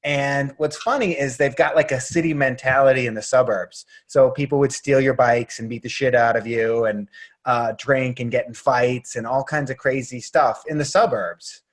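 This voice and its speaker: A middle-aged man from the area, a breathwork coach answering interview questions in a relaxed, open way. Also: mid-range voice, normal speed. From Boston area, US. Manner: relaxed and open, laughs easily.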